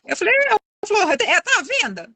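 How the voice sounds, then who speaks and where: A middle-aged woman tells a long story in a high, bright voice and talks quickly. She is chatty and keeps restarting her phrases. The sound is dry and close, as on a video call. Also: wildly swooping pitch, vocal fry, no room sound. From Minas Gerais, Brazil. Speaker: course student giving a testimonial. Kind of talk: casual testimonial on a live video call.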